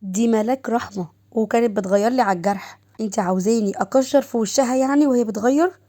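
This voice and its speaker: A woman storyteller voicing an Egyptian husband in an audio story, relaxed and teasing. The tone is mellow and dark, with an amused lift. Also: on the high side, fast, natural voice.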